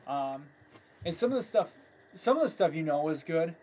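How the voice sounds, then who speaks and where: A man's voice: a little high, very animated, normal speed, a little mellow, slight background noise. A man co-hosting a casual fishing chat, talking in an easygoing, plain way. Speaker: podcast co-host.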